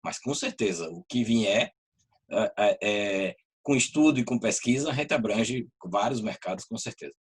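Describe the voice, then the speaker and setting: A man's voice: fairly low pitch, lively intonation, moderate pace, slightly rough. A man who works as a marketing consultant, talking casually in a video meeting and often cutting off and restarting his words.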